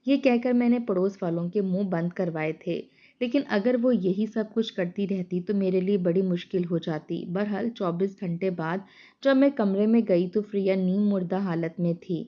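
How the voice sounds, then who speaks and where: Brief: woman storyteller, steady dramatic delivery, medium pitch, muffled lo-fi sound. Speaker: narrator. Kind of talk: first-person story narration. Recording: dull lo-fi sound.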